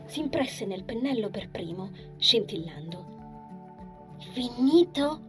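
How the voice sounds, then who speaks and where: A woman reading a fantasy novel aloud in a calm, even storytelling manner. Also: medium pitch, moderate pace, faint music behind. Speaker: audiobook narrator. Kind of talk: scripted narration.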